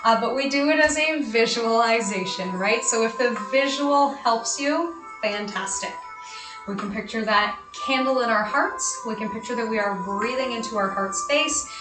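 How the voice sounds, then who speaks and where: A woman teaching a guided meditation, giving gentle, soothing, unhurried instructions. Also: on the high side. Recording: echoey room with music.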